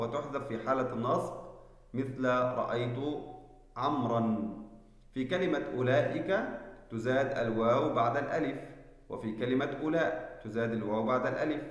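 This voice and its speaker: Guy teaching a spelling lesson, slow careful explaining, super echoey room with long reverb. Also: mid-range voice. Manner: slow, deliberate explaining with checking questions.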